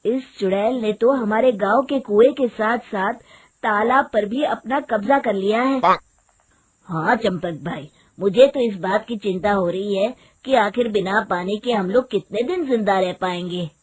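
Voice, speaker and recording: A woman's voice: mid-range voice, a little slow, slightly rough, rough recording. A woman voicing a worried male villager urging the others to act in a Hindi cartoon.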